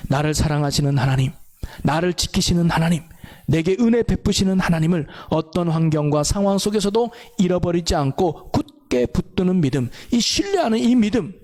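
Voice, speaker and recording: A man preaches a sermon to his congregation in a somewhat high voice. He presses each point earnestly, stacking repeated phrases for emphasis and turning to rhetorical questions to draw the listeners in. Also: a little mellow. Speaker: pastor. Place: church.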